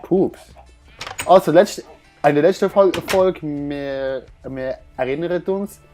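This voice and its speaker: A man's voice: fairly high pitch, slow, darkish tone, faint music behind. A young man with a Swiss German accent, chatting playfully and a bit whiny while playing a game with a friend. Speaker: let's play host. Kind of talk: casual gameplay chat.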